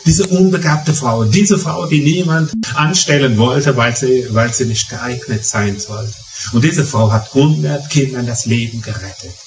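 A man's voice: mid-range voice, measured pace, noisy background. A middle-aged man from the Palatinate with a Palatinate German accent, preaching a sermon through stories with emphatic repetitions. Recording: echoey hall, distant mic, faint music.

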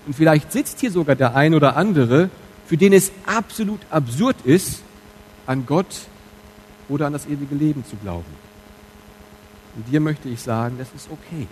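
Pastor preaching with shifting loud-soft emphasis. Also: male voice, on the high side, animated, moderate pace, pauses often, slight background noise, rough recording. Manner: swings between soft, intimate asides and loud emphatic stresses; talks directly to the congregation in a personal, candid way. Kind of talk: sermon. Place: church, preaching from the pulpit.

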